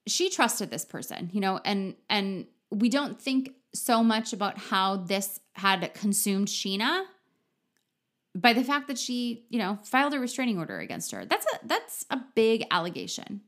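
A woman's voice: medium pitch, sing-song, unhurried, fairly bright tone. A woman hosting a podcast, giving a blunt, opinionated, casual recap of a TV show and often restarting her sentences. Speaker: podcast host.

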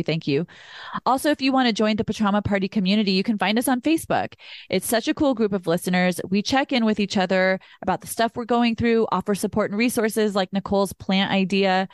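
A woman hosting a podcast, talking in a chatty, animated way and swearing freely. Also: medium pitch, no echo, clean studio sound. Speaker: podcast host. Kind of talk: casual chat.

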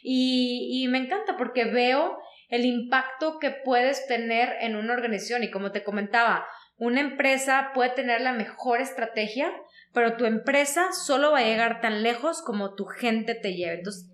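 A woman recounts her path in an interview, animated and sprinkled with fillers. Her voice sits a bit high for a woman. The recording sounds echoey, as if the room bounces her words back. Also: moderate pace. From Mexico. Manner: animated, frequent fillers like "o sea" and "¿no?". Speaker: guest, HR consultant. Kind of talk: conversational interview storytelling.

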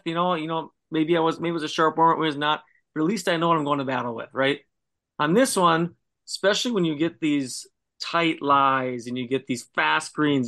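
A man's voice: on the high side, fairly bright tone, no room sound. A man co-hosting a casual golf podcast, defending himself and explaining his play. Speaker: podcast co-host. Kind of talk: casual chat.

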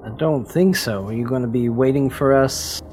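A man's voice: mid-range voice, moderate pace, darkish tone, slight background noise. A man playing in a tabletop game, asking questions in character in a casual, conversational way.

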